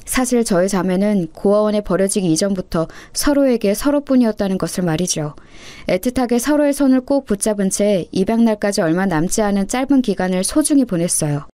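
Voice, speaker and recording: A woman narrating a first-person story in a soft, wistful storytelling manner. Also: mid-range voice, animated, fairly quick, no echo.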